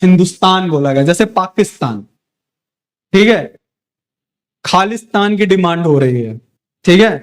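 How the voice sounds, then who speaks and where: In an expressive, slightly slow delivery with frequent pauses, a young male teacher with a high voice lectures his class. He asks questions, answers them himself, and keeps checking that his students are following.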